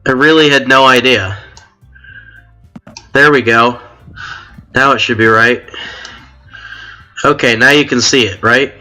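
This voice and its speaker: Slow, bright young male streamer reading aloud. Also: medium pitch, faint music behind. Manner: reads story text aloud, apologetic and loose. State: drunk. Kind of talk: live gameplay narration, reading game text aloud.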